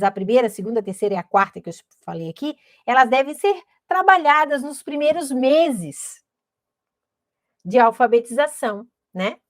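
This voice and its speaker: A woman's voice: high voice, dry recording, studio quality. A woman explains teaching steps in a didactic manner, often checking in with her listeners. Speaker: literacy educator.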